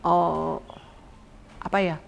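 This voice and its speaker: A woman pastor telling her personal testimony in a lively storytelling way, addressing listeners directly and acting out quotes. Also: on the low side, slow, vocal fry, long reverb tail, highs cut off, slight background noise.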